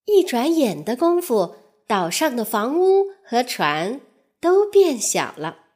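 A woman reading a children's story aloud in a slow, expressive storybook cadence. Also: fairly high pitch.

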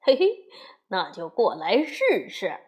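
A swaggering bully boy bear, as a woman puts him on, loud, mocking and full of taunts. His voice swings up and down as he jeers in a children's storybook. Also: mid-range voice, wildly swooping pitch, slow. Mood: sneering.

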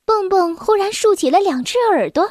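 A woman narrating a children's storybook in a gentle, unhurried manner. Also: very high voice, expressive, no echo, clean studio sound.

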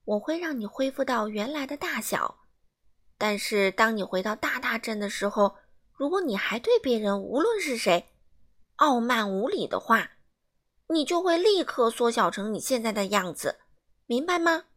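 A woman's voice: on the high side, sing-song, normal speed, a bit bright. A woman voicing a stern fairy king who lectures firmly, in a children's storybook reading. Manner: lecturing, firm.

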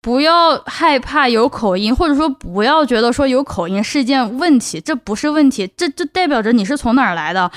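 A young woman from Chongqing, China, hosts a casual solo podcast in a fairly high voice. She speaks earnestly and offers advice, repeating words to drive her points home. Her delivery is animated and brisk, with few pauses.

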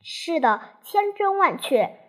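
A woman performs a very high-pitched, very animated voice, pitched above her own and heavily acted, taking it slowly. She's voicing an earnest, curious young girl in a children's storybook.

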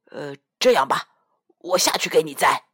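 A woman voicing a big bossy male tiger in a children's story, in a lowered, gruff voice that coaxes with hesitant fillers. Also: animated, moderate pace. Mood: coaxing.

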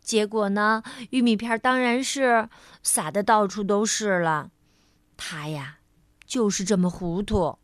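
A woman narrating a children's story gently and expressively, asking the listener questions. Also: mid-range voice, steady tone, unhurried, dry recording, clean studio sound.

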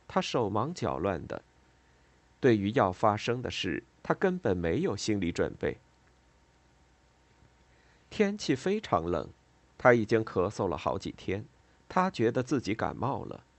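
A man narrating an audiobook novel in an expressive, steady storytelling manner. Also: fairly low pitch, no room sound.

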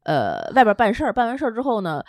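A young woman, hosting a podcast and telling a personal story in an emotional, animated way. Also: a little high, fast, no echo, clean studio sound. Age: young adult. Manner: emotional, animated retelling with quoted dialogue. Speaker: podcast host. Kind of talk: casual storytelling chat.

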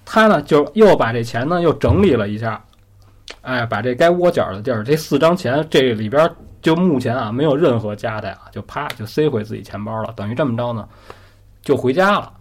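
A man's voice: mid-range voice, lively intonation, a little fast. A man telling a story in a chatty, conversational way, often asking the listener questions. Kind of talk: casual spoken storytelling.

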